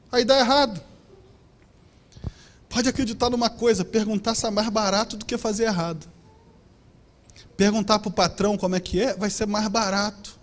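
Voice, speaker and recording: Pastor guy, really high voice, joking around in a sermon, acts out little stories. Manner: animated, joking storytelling with shouted asides. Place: church.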